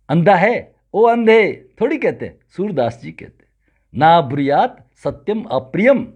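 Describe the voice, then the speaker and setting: Yoga teacher from Rajasthan, male, animated lecturer with a lively pitch who recites scripture. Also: slightly rough. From Rajasthan, India. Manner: animated, recites Sanskrit verses. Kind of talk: spiritual lecture.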